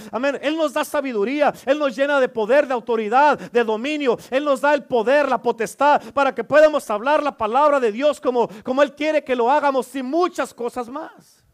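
A man preaching a sermon as a pastor, emphatic, with rhetorical questions and calls for amen. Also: very high voice.

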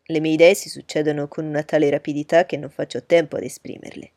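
A woman reading aloud voices a cheerful, open-hearted young gentleman who protests in an emphatic, good-natured way. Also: low voice, flat delivery, fast, no room sound, clean studio sound. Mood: protesting.

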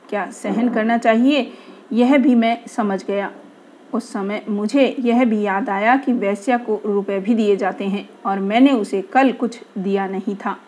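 A woman reading aloud a literary first-person story in a measured way, often dropping to a quieter tone. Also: medium pitch, slight background noise.

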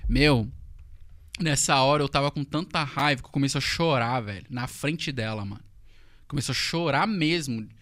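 A man's voice: medium pitch, moderate pace. A man, a podcast guest telling stories in casual, slangy talk, repeating himself. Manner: slangy, animated, repeats words. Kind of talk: casual storytelling.

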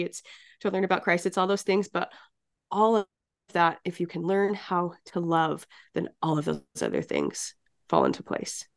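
Gravelly-voiced woman host with a cold. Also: lowish voice. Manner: upbeat, chatty, laughs easily. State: has a cold. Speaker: podcast host. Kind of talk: casual podcast chat.

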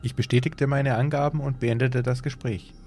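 A man hosting a podcast, reading a horror story aloud in a measured, suspenseful way. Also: medium pitch, fairly even intonation, a little mellow, faint music behind. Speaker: podcast host and story reader.

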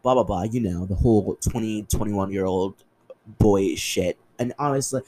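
A young man hosting his own podcast, chatting casually and animatedly, swearing often and jumping up in pitch for emphasis. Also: moderate pace, mellow, rough recording. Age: young adult. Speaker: podcast host. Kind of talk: casual solo podcast chat.

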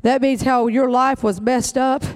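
High-voiced preacher man. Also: fairly even intonation, a little slow. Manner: emphatic preaching, folksy Southern phrasing. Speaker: pastor. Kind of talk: sermon.

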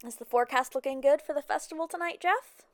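A woman playing a small-town call-in radio host, with a smooth, breezy, chatty radio-host delivery. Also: sits high, fast talker, dry recording, clean studio sound, lightly acted. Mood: chipper.

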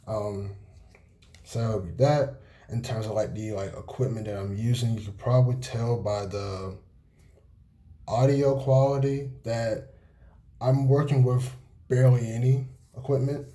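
A nineteen-year-old man hosting a casual solo podcast, talking in a laid-back monotone with many fillers and pauses, recorded on a cell phone. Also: mid-range voice. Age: young adult. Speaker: podcast host.

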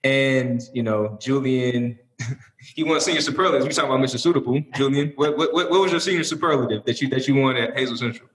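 Fast and a bit bright in his mid-range voice, this podcast guest from St. Louis, United States, has a polished, broadcast-like delivery. He talks casually and at length, telling wandering stories. The audio echoes in a roomy space.

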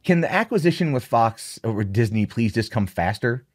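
A man giving opinionated solo commentary on movie news, sarcastic and exasperated, with animated rants. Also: mid-range voice, moderate pace.

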